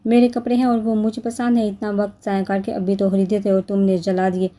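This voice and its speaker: A woman voicing a proud, quick-tempered young wife who speaks in angry, clipped, emphatic bursts. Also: mid-range voice, flat delivery, dark tone, lightly acted.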